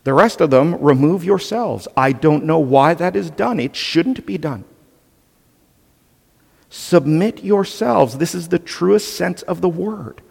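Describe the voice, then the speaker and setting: A man's voice: high-pitched, creaky, husky, big-room sound. A male pastor delivering an earnest, emphatic sermon, often restarting his phrases.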